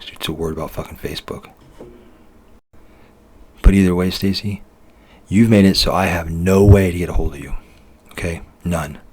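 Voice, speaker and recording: A man's voice: low voice, a little mellow, slightly rough. A man leaving a bitter, accusatory voice message to his partner, ranting and swearing heavily. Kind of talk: angry recorded voice message.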